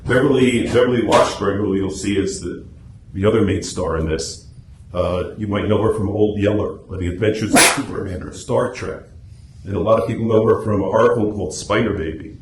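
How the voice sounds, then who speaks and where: A man who writes radio scripts gives a chatty, anecdotal, informal presentation at a club meeting, addressing a small audience in a meeting room. His voice is fairly low and fairly quick, and the room sounds echoey with faint noise.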